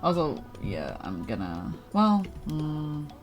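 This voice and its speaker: Over game music and sounds, a streamer with a deep, darkish voice chats playfully with her viewers. She is very animated but speaks slowly, using slangy, informal talk with some swearing.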